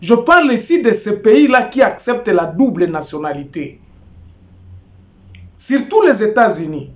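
A man's voice: very high-pitched, dull audio. An older Congolese man giving political commentary to camera from a small home office, gesturing and restarting his words. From Congo (DRC). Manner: animated, gesturing, with many repeats and restarts.

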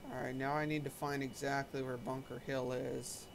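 A man's voice: medium pitch, level tone, normal speed, gravelly, slight background noise. A man hosting a casual gaming stream, chatting with friends and narrating his flight aloud. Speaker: streamer and host.

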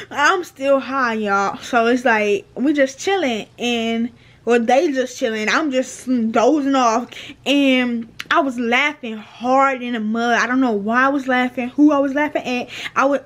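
A woman's voice: sits high, a bit bright. A young woman vlogger telling a casual storytime, chatty and slangy, repeating her phrases.

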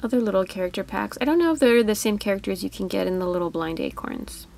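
A woman's voice: mid-range voice, very animated, fast talker, gravelly, darkish tone. Gushing woman touring toy aisles. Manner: chatty, easily delighted, gushing over toys. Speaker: toy vlogger. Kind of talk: casual toy-hunt commentary.

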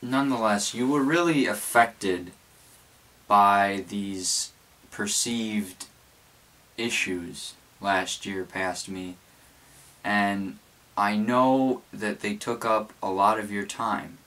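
A man's voice: fairly low pitch, takes it slowly, fairly bright tone, low-quality recording. A young man in his late teens talking reflectively to camera, his mouth held a little stiffly because of a cold sore on his lip. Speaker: vlogger. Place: small cluttered bedroom, indoors. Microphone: camera a few feet away.

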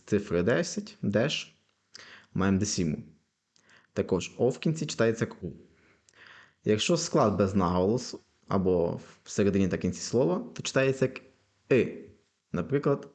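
A young man teaching a language lesson, patiently explaining and slowly repeating example words. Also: lowish voice, gravelly.

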